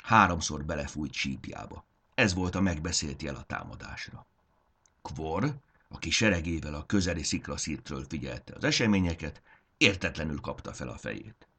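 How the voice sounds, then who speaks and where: A man narrating a fantasy audiobook in a dramatic, expressive reading. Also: a bass voice, husky.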